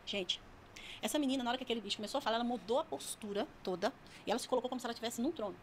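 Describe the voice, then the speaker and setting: A woman's voice: a little high, rapid-fire, a little hiss or hum. A woman telling her personal testimony in a vivid, emphatic way. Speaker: guest giving a testimony.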